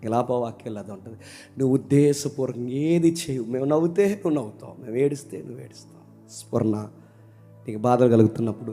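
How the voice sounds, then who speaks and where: A male pastor preaching a sermon who swings between loud outbursts and hushed asides and keeps asking the congregation questions. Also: mid-range voice. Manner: asks the congregation questions and calls for replies.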